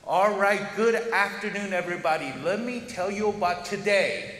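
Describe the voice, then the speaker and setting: A man's voice: high-pitched, moderate pace, fairly bright tone. A man hosting a forum, addressing the audience informally in an emphatic, chatty way. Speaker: festival director and forum host. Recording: echoey hall, long reverb, background noise.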